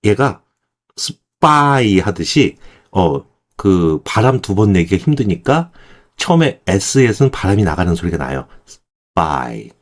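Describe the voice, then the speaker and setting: Male Korean pronunciation teacher, low and expressive, patient and step by step. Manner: demonstrates words slowly, then repeats them. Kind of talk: explanatory lesson.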